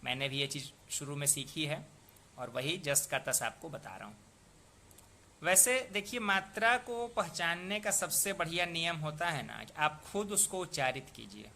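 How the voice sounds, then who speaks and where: A man with a somewhat high, very bright and forceful voice explains poetic meter step by step. He talks patiently, repeating words aloud and drawing out syllables so learners can hear them. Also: moderate pace, creaky, slight background noise. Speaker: poetry meter teacher. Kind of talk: explanatory lesson.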